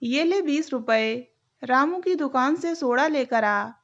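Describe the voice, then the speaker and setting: A harsh drunken father barking gruff orders in a storybook tale, as a woman reading the story puts him on. The voice sits high and moves slowly, with a dull, lo-fi sound. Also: animated, heavily acted. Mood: scolding. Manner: gruff scolding commands. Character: harsh drunken father, middle-aged man, short-tempered.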